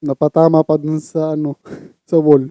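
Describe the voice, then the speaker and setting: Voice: medium pitch, level tone, moderate pace, warm tone, no echo. A person with a Filipino accent casually reacting to funny clips as host, trying not to laugh and sometimes chuckling.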